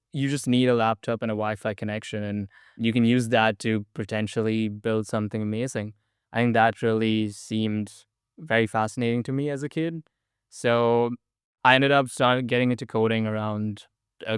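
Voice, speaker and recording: A young adult man from India is a podcast guest telling stories in a casual interview, chatting eagerly and leaning heavily on "like" and "um." His voice is lowish and smooth, recorded dry with clean studio sound.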